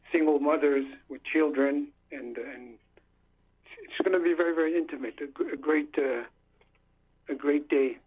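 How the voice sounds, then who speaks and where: A musician and bandleader whose first language is Lingala calls into a radio show, talking casually in a husky, mid-range voice. He's friendly but hesitant and often restarts his sentences, and the phone line sounds tinny.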